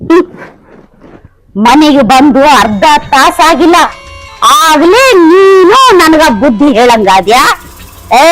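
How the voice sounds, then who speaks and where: A woman's voice: high voice, rough recording. An actress playing a scornful, rich village stepmother-in-law, speaking with a North Karnataka accent. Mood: scolding. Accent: North Karnataka Kannada. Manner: taunting, contemptuous. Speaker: actor.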